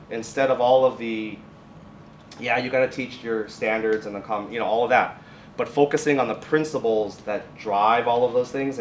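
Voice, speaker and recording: In a mid-range voice, a man guest-lectures informally as a high school biotech and science teacher, taking questions from the group. He keeps restarting and correcting his phrasing. The college classroom or lab echoes, the mic is distant, and there's faint noise.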